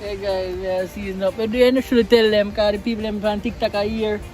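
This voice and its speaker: A man's voice: high-pitched, flat delivery, normal speed, darkish tone, faint music behind. A man with a Jamaican accent chatting and telling stories casually in informal patois phrasing outdoors. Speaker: vlog co-host. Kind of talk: casual chat and storytelling. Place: outdoors by a river.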